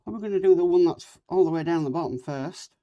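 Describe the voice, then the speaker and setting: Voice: medium pitch, a little fast, dark tone, dull audio. A person hosting a casual hands-on model-building video, talking with a cold sore on the lip. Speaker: host of a model-building channel.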